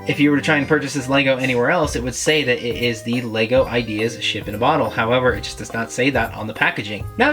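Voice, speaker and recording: A man's voice: medium pitch, fairly bright tone. A man hosting a casual toy review, talking in a chatty, rambling, self-deprecating way.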